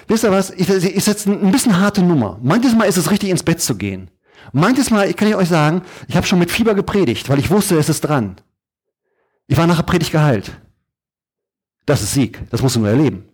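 A man preaching a lively, colloquial sermon, acting out sluggish grumbling voices as he goes. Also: fairly high pitch, breathy edge. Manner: animated, acts out sluggish voices, colloquial asides.

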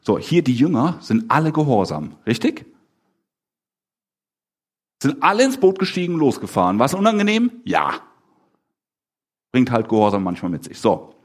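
Husky, animated preacher. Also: male voice, on the high side. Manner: animated, asks the congregation questions, acts out the disciples' lines. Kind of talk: lively conversational sermon.

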